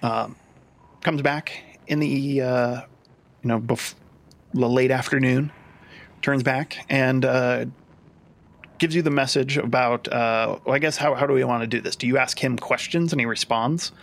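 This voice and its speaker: A man's voice: medium pitch, fairly even intonation, measured pace. A man running a tabletop game as game master, talking in a hesitant way with many fillers and restarts.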